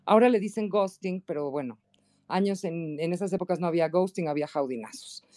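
Chatting casually on a podcast, this woman, a guest and columnist with a Mexican accent, shares anecdotes at a fairly quick pace. Her storytelling is lively, frequently breaking into high voices for quotes.

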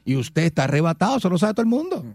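A man's voice: sits high, very animated, racing, darkish tone, breathy edge, no room sound, clean studio sound. A middle-aged man with a Puerto Rican accent hosting a radio show in casual, emphatic banter, full of rhetorical questions.

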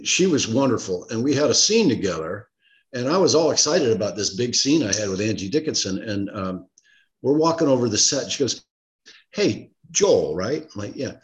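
Animated man telling anecdotes. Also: mid-range voice, fairly quick. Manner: animated anecdote teller, uses fillers. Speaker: actor guest. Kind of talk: casual storytelling chat.

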